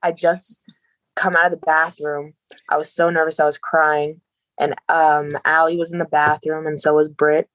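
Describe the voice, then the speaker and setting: Young woman, pro wrestler, grateful storyteller, low-pitched, dry close mic. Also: flat delivery, normal speed, a bit bright, no room sound. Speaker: professional wrestler, guest. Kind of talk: casual interview storytelling.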